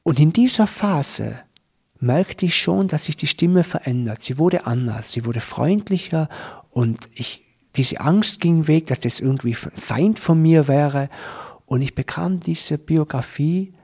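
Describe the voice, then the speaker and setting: Husky man telling his story. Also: a little high, expressive, darkish tone. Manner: earnest, reflective storytelling that slows down at tense moments. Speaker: person telling his own life story. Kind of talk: personal testimony.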